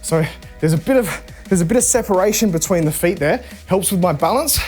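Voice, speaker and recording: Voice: mid-range voice, animated, a little fast, darkish tone, faint music behind. An instructor coaching a live home workout, chatty and encouraging while demonstrating the moves. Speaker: fitness instructor.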